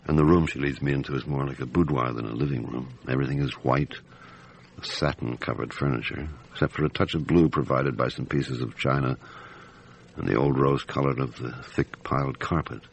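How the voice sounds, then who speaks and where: Deep-voiced Inspector Maigret. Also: male voice, steady tone, vocal fry, breathy edge, full character voice, poor audio. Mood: observant. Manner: terse, measured questioning. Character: calm, observant French police chief inspector, narrating his case. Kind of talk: radio drama narration and dialogue.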